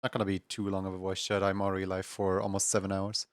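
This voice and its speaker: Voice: deep voice, flat delivery, fast talker, no room sound, clean studio sound. A streamer chatting casually while drawing on a livestream, playful and given to cutesy exclamations. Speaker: streamer, animator.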